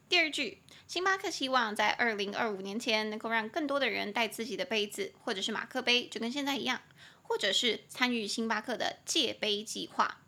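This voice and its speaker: A young woman with a Taiwanese Mandarin accent hosts a casual podcast English lesson. Her voice is bright and sits a little high. She chats in an animated way, spells words out slowly and bursts into exasperated rants. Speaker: podcast host and English teacher.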